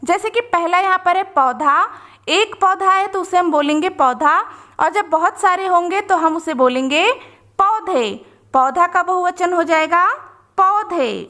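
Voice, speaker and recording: A woman teaching young children a worksheet, reading each sentence slowly and patiently. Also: extremely high pitch, animated, sharp tone. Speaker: teacher and channel host.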